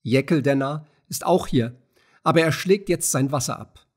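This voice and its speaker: A man's voice: on the high side, normal speed, lightly acted. A man doing a fearful, sighing gatekeeper. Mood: anxious.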